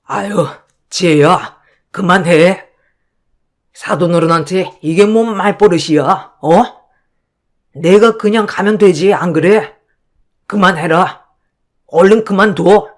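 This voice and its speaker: A woman voicing a gentle, apologetic older father who speaks softly and tries to calm others down. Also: lowish voice, slow pace, pauses often. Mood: placating. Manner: soft-spoken, placating.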